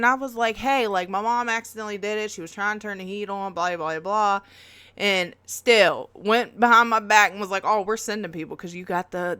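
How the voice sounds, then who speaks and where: A woman hosting a reaction video, telling a story in casual chat, animated and swearing, jumping up high when she acts out quotes. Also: smooth, no room sound.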